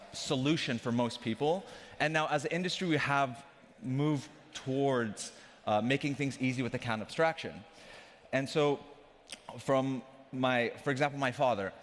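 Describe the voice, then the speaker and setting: A young CEO from Afghanistan jokes casually with the audience while speaking at a conference, his stage mic echoing through a long reverb in the big hall. His voice has a medium pitch and a fairly bright tone.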